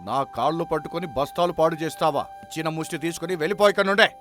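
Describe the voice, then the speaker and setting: Brief: man as mean village boss, somewhat high voice, bullying and scornful, music beneath. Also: quick pace, a bit bright, lightly acted. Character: harsh stingy village employer, middle-aged man.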